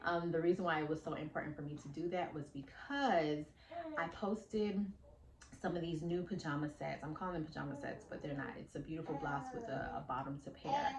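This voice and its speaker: A woman with a notably low voice chats through her day as an independent fashion designer. She explains things in a relaxed, rambling way with plenty of fillers. The sound carries a roomy echo. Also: fairly quick, a crowd in the background. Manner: chatty, explanatory, frequent fillers. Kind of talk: casual vlog talk. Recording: echoey room.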